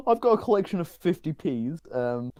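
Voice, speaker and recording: A man trading casual banter on a podcast, giggling and tripping over his own restarts. His pitch swings up and down a lot, and his tone is soft and mellow. The sound is close and dry. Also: dry recording. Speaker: podcast co-host.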